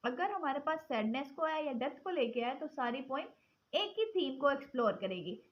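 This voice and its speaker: A woman teaching English poetry forms, switching between Hindi-Urdu and English and reading English definitions slowly. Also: sits high, sing-song. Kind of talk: explaining poetry forms in a lesson. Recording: dull lo-fi sound.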